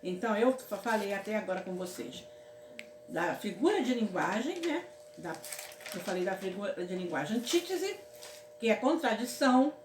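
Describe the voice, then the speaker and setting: In a mid-range, sing-song voice, a Brazilian woman teaches grammar casually at a moderate pace. Affectionate throughout, she frequently checks in with her students, calling them "my loves" and repeating "certo, meus amores?" An echoey room with faint ambience adds slight background noise.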